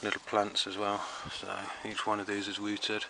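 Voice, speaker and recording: A man's voice: on the low side, completely flat delivery, normal speed. A man giving a casual, chatty, rambling tour of his backyard vegetable garden, speaking outdoors into the camera he films with. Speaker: home gardener. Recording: outdoor noise behind the voice.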